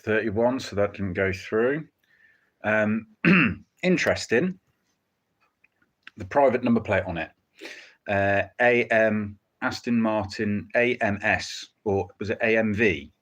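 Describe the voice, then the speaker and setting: A man's voice: on the low side, slow, a bit bright. A man hosting a livestream with casual, rambling live commentary and a dry, joking, hesitant delivery. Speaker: livestream host commenting on a car auction.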